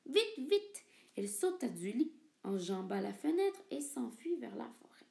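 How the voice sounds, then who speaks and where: A woman reading a children's storybook aloud in an expressive, sing-song way. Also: medium pitch, normal speed, gravelly. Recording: echoey room.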